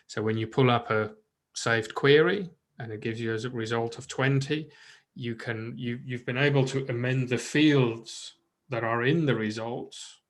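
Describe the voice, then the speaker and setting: A man casually walking a colleague through a software product update, often restarting his sentences as he explains. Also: mid-range voice. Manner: rambling, restarts while explaining features.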